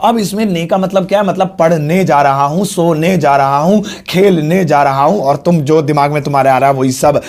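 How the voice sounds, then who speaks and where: A man teaching spoken English in Hindi, joking between points and slowing down to spell out the example sentences. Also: a little high, a little mellow.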